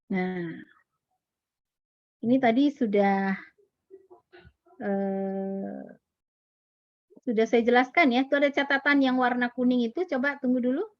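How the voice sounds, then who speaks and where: A woman's voice: a little high, no echo, lo-fi sound. A woman teaching an Islamic study lesson to parents, explaining in a patient way, repeating key words and asking rhetorical questions. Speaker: religious teacher at a parenting class.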